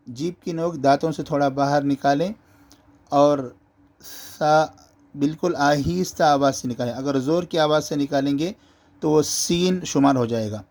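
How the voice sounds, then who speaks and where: A man teaching Quran reading, explaining letter pronunciation and drawing out each letter slowly to demonstrate. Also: fairly high pitch, darkish tone. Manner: slow, drawn-out letter demonstrations between explanations.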